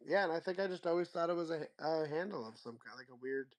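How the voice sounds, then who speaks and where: A man hosting a casual livestream chat, relaxed and rambling, often trailing off and restarting his sentences. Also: a little high, fast talker. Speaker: show host.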